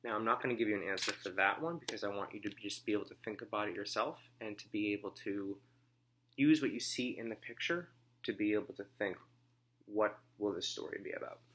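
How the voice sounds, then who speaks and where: This male teacher has a lowish voice and reads a story aloud over a noisy background. He keeps his phrasing slow and simple for kids and pauses to ask whether they followed along.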